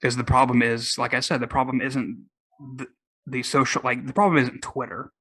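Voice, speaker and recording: A man's voice: mid-range voice, little pitch movement, moderate pace, fairly bright tone. A man with a Southern US accent hosting his own podcast, rambling casually with many restarts and fillers. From Oklahoma. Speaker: podcast host. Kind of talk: casual solo podcast talk.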